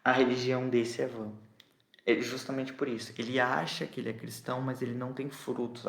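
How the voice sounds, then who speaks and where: In an echoey room, a medium-pitched man with a Brazilian Portuguese accent delivers an expository sermon. He explains a passage of scripture and keeps checking understanding with "entendeu?"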